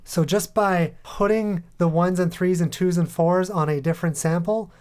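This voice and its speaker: A man hosting a music production tutorial, calmly talking through each step in a voice-over. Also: sits high, normal speed, noisy background. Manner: calm, methodical step-by-step explaining. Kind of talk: tutorial voice-over over a screen recording.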